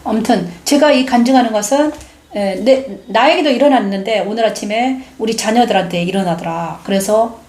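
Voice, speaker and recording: Animated middle-aged woman preaching testimony. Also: a little high, moderate pace, roomy sound. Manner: emphatic, animated storytelling with acted-out quotes. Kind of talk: sermon testimony.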